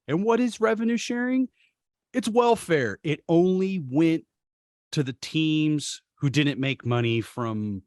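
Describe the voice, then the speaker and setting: A man's voice: mid-range voice, dry recording. Ranting male sports podcaster, dry sound. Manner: impassioned, swears, rants. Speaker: podcast co-host. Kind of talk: casual sports chat.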